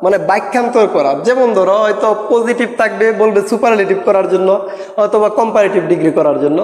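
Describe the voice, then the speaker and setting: A man's voice: high-pitched, a little mellow. A man teaching English grammar, explaining step by step and answering his own questions. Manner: switches between slow English lines and Bengali explanation. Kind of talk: classroom-style grammar lesson. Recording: echoey room with long reverb.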